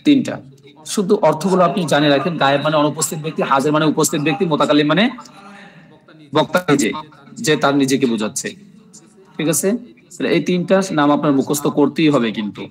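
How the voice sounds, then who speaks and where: A man's voice: fairly high pitch, fast talker, low-quality recording. A man teaching Arabic grammar in an online class, repeating terms for drills and often checking with "ঠিক আছে?".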